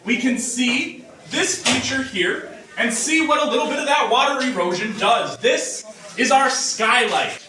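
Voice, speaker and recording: A man's voice: extremely high pitch, animated, unhurried, far from the mic, background noise. A man working as a tour guide, talking theatrically to a group and quizzing them inside an echoing cave.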